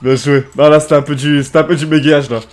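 A young man playing as a guest, chatting over voice chat with excitable, slangy reactions to the game. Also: on the high side, fast, slight background noise. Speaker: guest player. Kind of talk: casual gaming chat.

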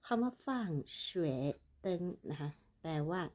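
A woman's voice: lowish voice, lively intonation, unhurried, darkish tone. A woman teaching Chinese, patiently explaining and repeating words while reading a dialogue. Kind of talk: bilingual language lesson, reading a dialogue.

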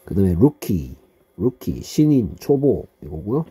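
A man's voice: lowish voice, very animated, measured pace, warm tone, slightly rough. A man teaching English vocabulary to middle school students, patiently explaining and repeating each word with its meaning. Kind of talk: vocabulary lesson.

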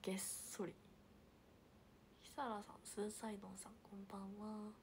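A young woman livestreaming, chatting casually and reading viewer comments, with a hint of Hiroshima dialect and soft murmured asides. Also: mid-range voice, flat delivery, moderate pace, a little hiss or hum. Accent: picking up Hiroshima dialect. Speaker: idol livestreamer.

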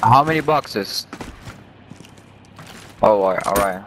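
A man's voice: lowish voice, lively intonation, takes it slowly. Man gaming, noisy casual squad chat. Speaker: video game player. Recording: game noise and gunfire behind.

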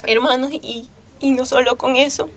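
A woman giving a personal religious testimony to her church, earnest and fervent, with halting restarts. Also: sits high, steady tone, a little hiss or hum.

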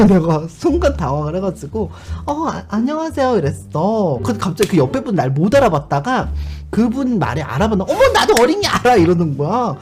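A male streamer chatting casually and telling a story. He talks in an animated way, laughs often, and acts out other people's lines. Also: sits high. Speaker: YouTube streamer. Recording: background music under the voice. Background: music.

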